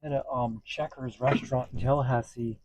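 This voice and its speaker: A man's voice: medium pitch, brisk, over a noisy crowd, poor audio. Chatty man vlogging from his vehicle. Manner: chatty, animated when retelling a story. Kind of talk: casual storytelling vlog. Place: inside a parked vehicle.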